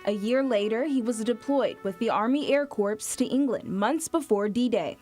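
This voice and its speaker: Woman, American accent, news reporter, scripted voice-over, fairly high pitch, light music bed. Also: moderate pace, a little mellow.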